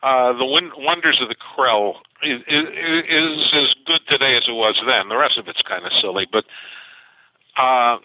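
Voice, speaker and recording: An older man, a science fiction author, is interviewed over the phone and tells stories animatedly, often restarting his sentences. His mid-range voice moves at a normal speed, and the recording is a dry, tinny phone line.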